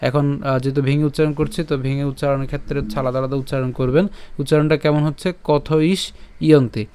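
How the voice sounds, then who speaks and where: A man teaching Sanskrit verse pronunciation, breaking words into syllables, repeating them slowly and often asking whether listeners follow. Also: mid-range voice, flat delivery, a little mellow, slight background noise. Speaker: Gita recitation teacher. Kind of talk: pronunciation lesson.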